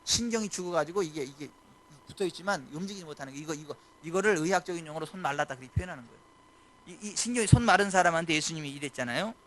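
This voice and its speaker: Emphatic high-voiced preaching pastor. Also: male voice, racing, fairly bright tone, a little hiss or hum. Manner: preaching emphatically, questioning the congregation. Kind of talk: sermon. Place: church.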